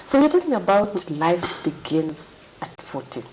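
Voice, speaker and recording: A woman hosting a studio talk show, asking her guests questions in a playful, animated way. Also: lowish voice, unhurried, a little hiss or hum, low-quality recording. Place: TV studio set.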